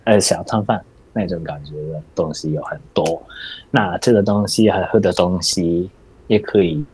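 Halting Japanese-accented male podcast host. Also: low-pitched, darkish tone, a little hiss or hum, rough recording. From Osaka, Japan. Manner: halting, searching for words. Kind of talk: casual podcast chat.

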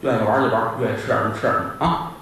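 A man voicing a scheming middle-aged butcher shopkeeper who talks in a coaxing, confiding hush. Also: lowish voice, fairly even intonation, racing, pitched below the performer's own voice, lightly acted. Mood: urging. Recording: very echoey live theater, faint noise.

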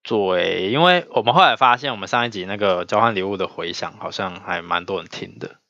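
A man co-hosts a relaxed podcast, spinning anecdotes and breaking into laughter. His voice sits low yet sounds bright and pushed forward. It is recorded close and dry on a slightly dull mic. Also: brisk, no echo. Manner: chatty storyteller, laughs often. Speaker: podcast co-host. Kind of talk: casual chat.

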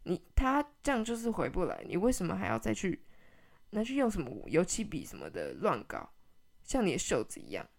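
A woman voicing her angry mother scolding at a fast clip in a podcast anecdote. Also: on the low side, wildly swooping pitch, vocal fry, heavily acted. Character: furious fast-talking middle-aged mother.

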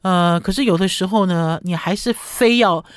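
A woman's voice: on the low side, normal speed, smooth, no echo, studio quality. A woman hosting a radio food show, talking casually and tagging her phrases with a short "ha". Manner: chatty, ends phrases with a short "ha".

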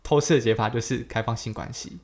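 A woman's voice: very deep voice, fairly even intonation, fast talker, darkish tone. A young woman, co-hosting a casual podcast chat with frank, playful replies. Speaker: podcast co-host.

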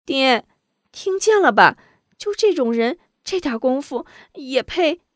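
A woman voicing a proud, sharp-tongued young lady who speaks quickly and indignantly. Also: high voice, big pitch swings, no room sound, clean studio sound, pitched above the performer's own voice.

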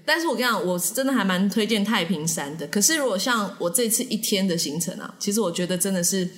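Fast animated Taiwanese Mandarin woman. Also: mid-range voice. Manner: animated, laughs often, says "我跟你讲" a lot. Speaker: podcast co-host. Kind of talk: casual chat storytelling.

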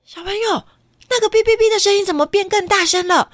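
A woman reading a picture book aloud to children in an animated way, often stopping to ask them questions. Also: extremely high pitch, brisk, dry recording, studio quality. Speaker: children's storyteller.

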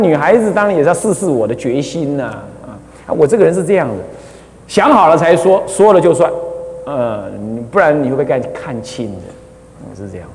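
Chatty Taiwanese monk lecturing in a reverberant hall. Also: male voice, on the high side, darkish tone. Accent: Taiwanese Mandarin. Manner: chatty, keeps asking rhetorical "isn't it so?"; laughs at his own stories. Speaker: Buddhist abbot and dharma teacher. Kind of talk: casual dharma lecture.

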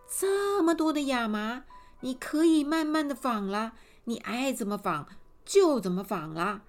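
Woman doing grand storybook queen, loud, exclaiming, animated pitch. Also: measured pace, faint music behind. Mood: generous.

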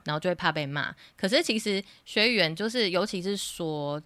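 A woman who teaches English, chatting in a relaxed, animated way with frequent laughs and fillers. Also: on the low side, a little fast. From Taiwan. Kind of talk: casual podcast chat.

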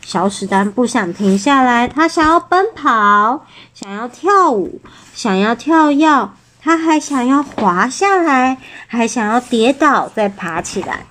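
A mother with a Taiwanese Mandarin accent reading a storybook aloud to her child, gentle and chatty, pausing to ask questions. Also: fairly high pitch, animated.

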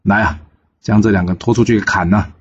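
Calm, knowing old strategist in a storybook, a man reading him, low husky voice. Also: a little fast, muffled recording. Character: shrewd, good-humored older male strategist.

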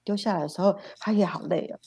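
A woman speaks as a spiritual teacher on a livestream. She tells her stories in an animated way, repeating phrases and adding sound words. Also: mid-range voice, fast talker, vocal fry, slightly rough. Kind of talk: livestream storytelling talk.

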